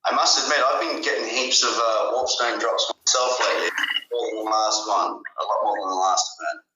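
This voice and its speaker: A man's voice: lowish voice, fairly even intonation, a little fast, pushed and bright. A man with an Australian accent chatting casually and modestly on a gaming voice chat. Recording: roomy echo, faint noise, online voice chat.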